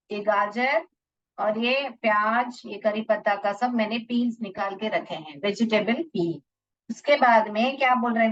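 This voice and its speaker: A woman teacher giving a lesson to children, repeating words slowly so they can write them down. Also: on the high side, highs cut off.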